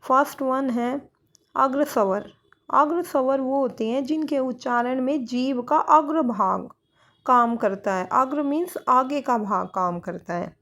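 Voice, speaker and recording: A woman's voice: sits high, a little slow, a bit bright. A woman teaching a grammar lesson for exam students, posing questions and answering them herself, with English words mixed in. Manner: mixes English words into Hindi.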